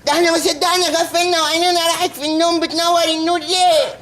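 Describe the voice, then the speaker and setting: A woman's voice: very high voice, little pitch movement, very fast, a bit bright. A whiny, fretful sitcom woman. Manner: whiny, complaining. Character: fretful grown woman, sleepy and complaining. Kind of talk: sitcom acting.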